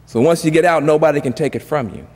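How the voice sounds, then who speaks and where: A man doing his gruff deep-voiced father. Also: fast talker, a little mellow. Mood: firm. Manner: blunt, gruff, no-nonsense. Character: stern, fearless middle-aged father and school principal. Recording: reverberant lecture hall.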